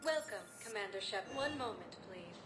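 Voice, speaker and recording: A woman voicing a calm female automated transit computer that greets passengers and announces arrivals in a polite, even, announcer-like manner, like a speaker announcement in a video game. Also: mid-range voice, normal speed. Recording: echoey, loud game music behind.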